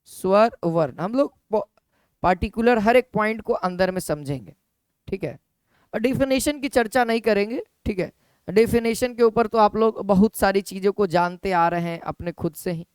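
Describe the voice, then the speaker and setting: A man's voice: high voice, normal speed, a little mellow, smooth, no room sound, clean studio sound. A man teaching an exam-prep lesson, repeating key points and putting questions to his students.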